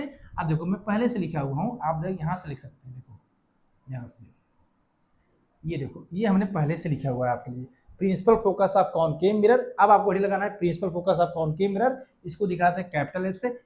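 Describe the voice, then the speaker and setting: A man teaching a physics lecture, who asks questions and answers them himself, calls his students by pet names and reads definitions out slowly for dictation. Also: high-pitched, expressive, darkish tone, a little hiss or hum. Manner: calls students beta and affectionate nicknames. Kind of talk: recorded classroom lecture.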